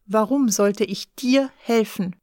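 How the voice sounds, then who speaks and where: A woman's voice: a little high, slow, warm tone, no room sound, clean studio sound. A woman reading the lines of a cool, wary bank clerk in an audiobook, matter-of-fact.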